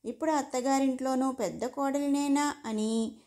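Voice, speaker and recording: A sharp, scolding middle-aged mother, as a woman narrator plays her. She talks in a raised, fairly high voice. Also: fairly even intonation, normal speed, close to an everyday voice. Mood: coaxing.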